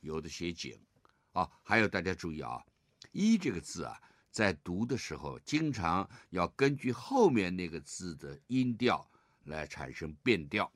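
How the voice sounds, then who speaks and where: A male teacher with a lowish voice leads a poetry reading lesson and tells its backstory. His intonation swings widely, and he draws each line of verse out slowly. The recording is dry and close, with no room sound. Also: no room sound. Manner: expressive, drawn-out recitation of verse; guides listeners to read along.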